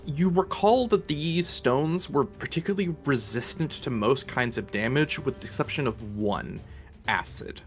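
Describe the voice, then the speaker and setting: A man's voice: medium pitch, moderate pace, faint music behind. Casual male game master. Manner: relaxed, chatty, with fillers. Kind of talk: narrating a tabletop game.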